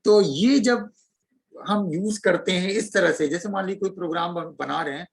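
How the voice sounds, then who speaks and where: A man's voice: sits high, moderate pace, gravelly, husky, poor audio. A man teaching an online programming class, explaining code step by step as he types. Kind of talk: online coding lecture.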